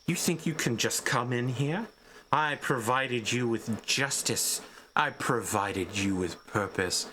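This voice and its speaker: A man's voice: mid-range voice, slow pace, bright, forceful tone, a little hiss or hum. Man playing a scornful, foul-mouthed bandit boss. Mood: outraged. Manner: indignant, contemptuous.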